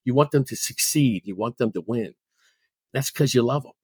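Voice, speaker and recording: A man's voice: mid-range voice, moderate pace, a little mellow, breathy edge, no echo. A middle-aged man speaks as a guest coach, his voice in the middle of the male range. He talks earnestly and drives his points home by repeating them. The sound is dry and close. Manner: earnest, emphatic, repeating for weight. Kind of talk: interview storytelling.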